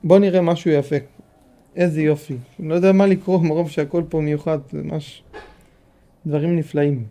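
Mellow-voiced man teaching a Torah lesson. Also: on the high side, flat delivery. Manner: repeats phrases and explains patiently to listeners. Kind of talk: Torah lesson, reading and explaining a text.

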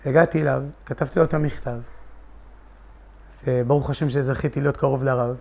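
A man's voice: medium pitch, steady tone, creaky, dark tone. A middle-aged man telling a personal testimony with passion, acting out his own pleading in dialogue. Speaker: storyteller sharing a personal testimony. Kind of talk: emotional first-person storytelling.

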